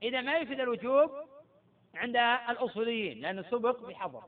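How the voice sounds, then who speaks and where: Middle-aged sheikh, quick high voice, drilling students on each rule; tinny phone-like recording. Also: male voice, very animated. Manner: quizzes students and repeats key points. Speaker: sheikh teaching Islamic jurisprudence. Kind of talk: classroom lecture with questions to students.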